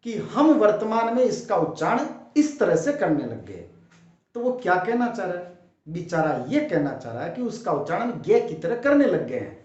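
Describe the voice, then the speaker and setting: A man teaches at a whiteboard, his fairly high voice pressing each point with rhetorical questions. The room rings with heavy echo, and the recording sounds dull and lo-fi. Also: darkish tone. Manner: emphatic, explains step by step with rhetorical questions. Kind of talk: whiteboard lesson for exam students. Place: classroom with a whiteboard.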